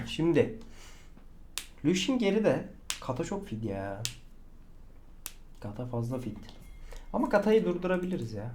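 A man giving live gameplay commentary, excitable, swearing and shouting at teammates. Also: on the high side, measured pace, pauses often, a little hiss or hum. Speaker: gaming channel host.

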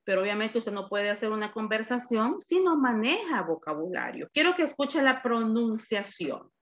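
A woman teaching an English class over a video call, modeling words slowly and carefully. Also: fairly high pitch, very animated, fairly bright tone, muffled recording.

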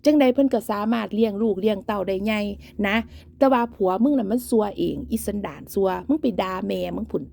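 A woman's voice: mid-range voice, fast, vocal fry, mellow. A woman with an Isan accent ranting in a livestream, mocking and cursing heavily. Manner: breaks into cackling laughs. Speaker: online commentator.

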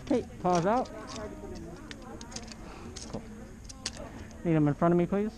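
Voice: mid-range voice, animated, a little slow, background noise. A convention staff member, muffled inside a mascot head, handing out joke violations in upbeat, teasing banter. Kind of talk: playful casual banter. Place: busy fan convention. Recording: dull lo-fi audio with loud crowd.

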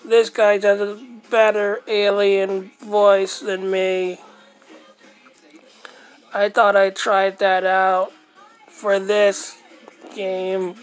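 A woman hosting a retro game video, musing casually over old footage and clearing her throat now and then. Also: medium pitch, flat delivery, drawn-out words, pauses often, soft background music, poor audio.

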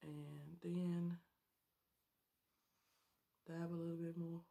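A woman in her thirties, a beauty vlogger, chats and jokes with viewers while doing her makeup in a casual tutorial. Her voice is lowish, creaky, and dark, with a level tone and a very slow pace. She's recorded close on a webcam in a small bedroom.

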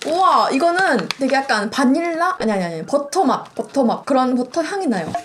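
A woman hosting a casual snack-tasting chat for viewers, exclamatory, with playful sound words and drawn-out reactions. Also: high-pitched, sing-song, noisy background. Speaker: mukbang host.

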